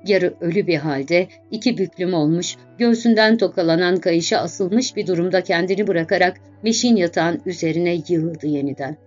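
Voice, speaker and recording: Low-voiced woman narrating an audiobook. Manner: slow, measured literary reading. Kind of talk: scripted narration of a classic novel. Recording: dull lo-fi audiobook with faint background music.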